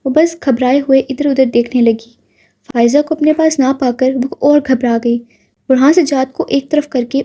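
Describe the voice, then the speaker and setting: A woman narrating a novel aloud in a steady storytelling manner. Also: high-pitched.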